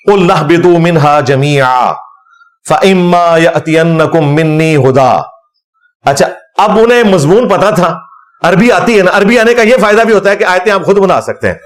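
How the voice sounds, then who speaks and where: An Islamic scholar with a high-pitched voice gives an animated, scornful religious talk. Throughout, he recites verses in Arabic.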